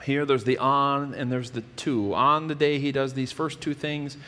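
A man's voice: mid-range voice, steady tone, unhurried, pushed and bright. A man in his thirties preaching a sermon from a church stage, explaining scripture earnestly and often restarting his phrases. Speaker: pastor. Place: church stage with wood-paneled wall. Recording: church hall reverb.

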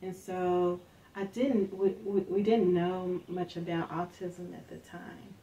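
Middle-aged woman from Northern Kentucky, interview storyteller, lowish voice, mic set back with faint hiss. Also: flat delivery, slow, distant mic, low-quality recording. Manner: soft-spoken, many fillers, acts out quoted speech.

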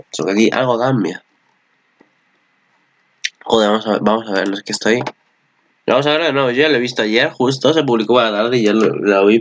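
Swearing Spanish man reacting to anime. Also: mid-range voice. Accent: Spain Spanish. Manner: rambling, excitable, swears often. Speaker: anime commentator. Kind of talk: casual reaction commentary.

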